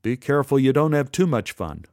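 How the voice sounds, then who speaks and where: A stern middle-aged boss, as a storyteller voices him, speaking firm and measured. His pitch sits a little above the narrator's usual voice. The man reading keeps the recording dry and close. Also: sing-song, a little mellow, dry recording, lightly acted.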